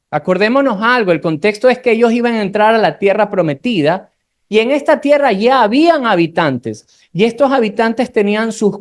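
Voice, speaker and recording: An Ecuadorian preacher with a Guayaquil Spanish accent and a mid-range, medium-pitched voice teaches a Bible study sermon. They slow down when reading scripture aloud and turn to the congregation with casual, conversational asides.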